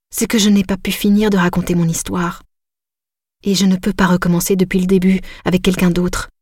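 Low-voiced woman narrating a novel. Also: a little mellow, husky, no echo, clean studio sound. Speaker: audiobook narrator. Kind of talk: first-person novel narration.

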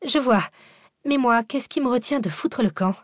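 A woman reading an audiobook, voicing a sharp-tongued, sarcastic young woman researcher. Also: fairly high pitch, moderate pace, no room sound, studio quality, voice pushed up, close to an everyday voice. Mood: defiant. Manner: sarcastic, biting. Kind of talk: audiobook character voice.

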